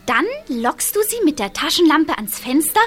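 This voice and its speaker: An actress playing a lively schoolgirl who plots pranks in eager, conspiratorial chatter. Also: sits high, moderate pace. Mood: excited.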